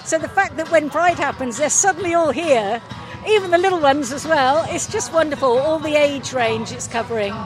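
A woman's voice: high-pitched, moderate pace, rough recording. A woman giving earnest interview answers at an event. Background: music at an outdoor event.

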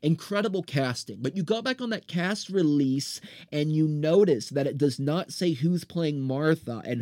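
A man's voice: fairly high pitch, warm tone, dry recording, clean studio sound. Blunt, ranting male podcast host. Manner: blunt and profane, riled up, restarts words often.

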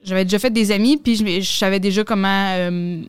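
On a studio-quality recording free of echo, a young female comedian with a Québécois French accent spins quick, slangy, animated stories as a podcast guest. Her voice is smooth and medium-pitched, and she hails from Quebec.

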